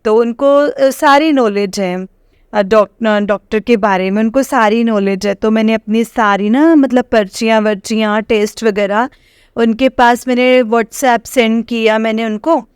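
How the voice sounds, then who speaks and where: A woman's voice: a little high, fairly even intonation, measured pace, a little mellow, smooth, no room sound, studio quality. A woman telling a personal testimony to a congregation. She talks hesitantly, with many fillers and restarts, and often turns to address her listeners. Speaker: devotee sharing a personal experience.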